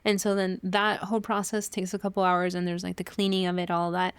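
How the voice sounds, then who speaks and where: A woman from Cuba in her thirties talks casually on a podcast, laughing easily and drifting into stories. Her voice sits low and smooth, recorded close and dry. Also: monotone, a little fast, no room sound. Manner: laughs often, storytelling. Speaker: podcast co-host. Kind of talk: casual chat.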